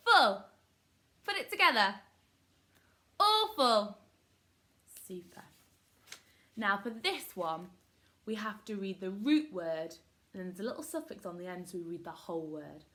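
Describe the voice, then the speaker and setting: A woman's voice: fairly low pitch, expressive, normal speed. A woman teaching a children's phonics lesson, giving short prompts, modelling words syllable by syllable and praising often. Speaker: primary school teacher.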